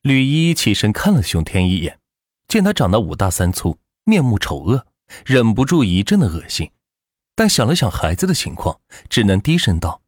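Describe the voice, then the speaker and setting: A man narrating a dramatic web novel story in a lively way. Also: lowish voice, moderate pace, husky, dry recording, studio quality.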